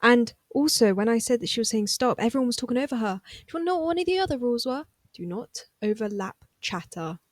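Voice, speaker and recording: A woman recapping a TV episode in a casual, chatty way, full of excitable asides. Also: a little high, quick pace, few pauses, no room sound. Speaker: recap vlogger.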